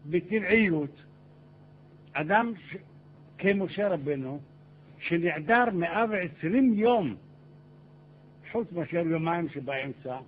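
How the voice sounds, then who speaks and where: Older rabbi man, high lively voice. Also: long pauses. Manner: animated, acts out dialogue in raised voice. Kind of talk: Torah lecture with storytelling. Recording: tinny phone-like archive recording with hiss.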